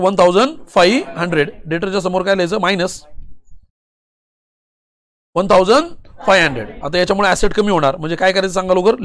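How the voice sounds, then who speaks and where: A man with a Marathi accent teaching an accounting lesson, firing quick questions, answering them himself, urging students to speak up, and reading problem text slowly. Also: sits high. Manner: urges students to answer loudly; switches between Marathi and English. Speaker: commerce teacher.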